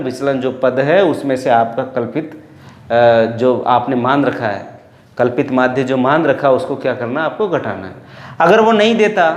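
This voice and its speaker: A man's voice: a little high, echoey room. A man with a Rajasthani Hindi accent teaching a maths lesson, patiently explaining each step and repeating sums aloud. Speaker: math teacher. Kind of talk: classroom math lesson.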